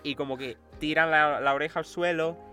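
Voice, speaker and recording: Faint music plays behind a young co-host from Spain as he chats casually on a podcast, bringing stories to life, performing quotes, and laughing a lot. He speaks fairly quickly in a fairly high voice with a Spain Spanish accent.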